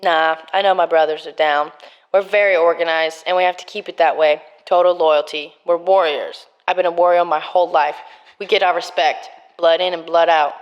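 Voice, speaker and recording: A woman's voice: lowish voice, steady tone, moderate pace, smooth, highs cut off, lightly acted. A woman voicing a hardened male prison gang captain in a murder mystery game, trying for a Boston accent that keeps slipping. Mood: tough.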